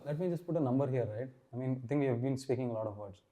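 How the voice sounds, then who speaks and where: A man's voice: medium pitch, rapid-fire, mellow. A man, a runner being interviewed, answering hesitantly and repeating words as he starts his thoughts. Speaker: guest, runner.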